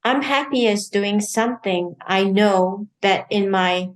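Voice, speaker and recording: A woman's voice: mid-range voice, takes it slowly, poor audio. A cheerful, giggly middle-aged woman from Singapore, chatting as a guest in an interview. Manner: cheerful, giggly, laughs easily. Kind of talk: casual interview chat.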